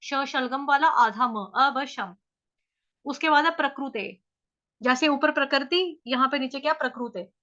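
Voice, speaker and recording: A woman teaching Sanskrit verse chanting, repeating each syllable slowly and firmly correcting her class. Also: high voice, pushed and bright, dull audio. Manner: slow drawn-out repetition of verse syllables; scolding latecomers firmly.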